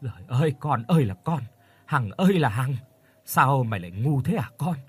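A man voicing an older village mother who wails and scolds her daughter with a sharp tongue. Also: medium pitch, sing-song, moderate pace, slightly rough. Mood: wailing.

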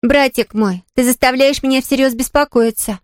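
A woman's voice: fairly high pitch, fairly quick, clean tone, no room sound, clean studio sound, voice pushed up, close to an everyday voice. Woman doing a teasing mocking sister. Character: mocking, nosy older sister.

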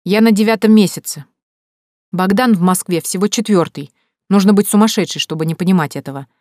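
A woman reading an audiobook, voicing a timid but sharp-tongued young pregnant woman. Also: mid-range voice, brisk, dry recording, studio quality, lightly acted. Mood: retorting. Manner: timid, then cutting.

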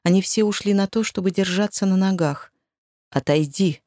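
A woman reading first-person audiobook narration in a measured, expressive way. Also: medium pitch, no echo, studio quality.

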